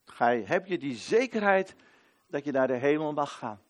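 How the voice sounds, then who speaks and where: Male preacher, loud proclamations, hushed prayers. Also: a little high, lively intonation, moderate pace. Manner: emphatic, often repeats a phrase for weight. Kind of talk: sermon. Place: church service.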